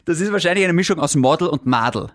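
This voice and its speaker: A man's voice: on the high side, lively intonation, fast talker, no room sound. An Austrian man co-hosts a casual podcast, his voice rising and falling a lot as he tells stories. He laughs easily and reads messages aloud. The sound is dry and close. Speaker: podcast co-host. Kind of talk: casual chat.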